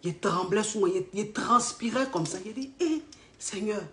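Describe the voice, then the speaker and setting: A woman's voice: mid-range voice, brisk. Woman telling her story, echoey room. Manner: animated retelling with acted quotes. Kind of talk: personal storytelling.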